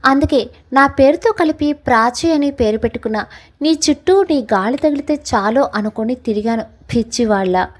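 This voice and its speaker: A woman's voice: high-pitched, normal speed, rough recording. A woman voicing a heartbroken young man who pleads tearfully and reproachfully with the woman he loves, in a spoken love story. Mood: heartbroken pleading.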